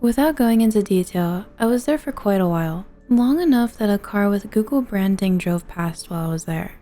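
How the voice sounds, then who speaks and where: A woman's voice: mid-range voice, animated, normal speed, dark tone, soft background music. A woman reading first-person online confession stories as scripted narration.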